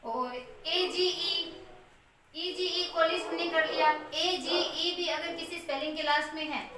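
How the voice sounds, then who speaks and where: A high-pitched woman with a bright, forceful voice teaches English phonetics, patiently spelling out words letter by letter. She sounds set back from the mic in a very echoey room with a faint hum of ambience. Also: steady tone, a little slow, distant mic. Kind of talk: Hindi lesson on English phonetic transcription.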